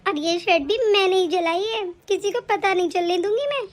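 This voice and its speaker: A woman's voice: extremely high pitch, brisk. A woman voicing a spiteful, scheming young woman in a cartoon, sneering and bossy. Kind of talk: cartoon voice acting.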